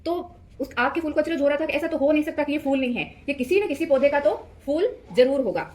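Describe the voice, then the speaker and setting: A woman's voice: high-pitched, fast talker, a little mellow. A woman teacher reading a story aloud to children, explaining as she goes and asking the listeners questions. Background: background music.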